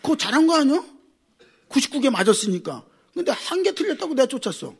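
A middle-aged man preaching a sermon as a pastor, animated and swinging between loud exclamations and quiet asides. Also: very high voice, fast talker, gravelly.

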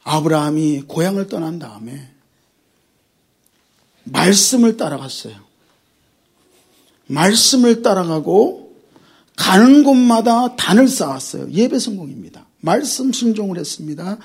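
A pastor preaching a sermon, repeating phrases and firing rhetorical questions, swinging from near-whispers to shouts. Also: medium pitch, animated, normal speed, long pauses, slightly rough.

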